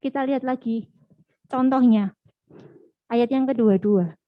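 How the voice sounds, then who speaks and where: A young woman giving a casual youth sermon, chatty, acting out quoted dialogue in lively voices. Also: on the high side, unhurried, no echo, narrow, tinny audio. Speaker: youth preacher.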